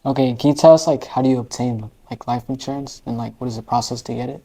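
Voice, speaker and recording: A man's voice: medium pitch, fairly even intonation, fast talker, mellow, poor audio. A male host asking casual, curious questions in an easygoing chat, with lots of "like" filler. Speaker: interview host.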